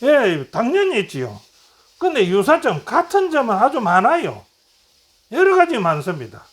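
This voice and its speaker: A man's voice: extremely high pitch, huge pitch swings, normal speed, fairly bright tone. A middle-aged man teaching a Bible lesson, retelling stories and acting out quoted lines, asking and answering his own questions.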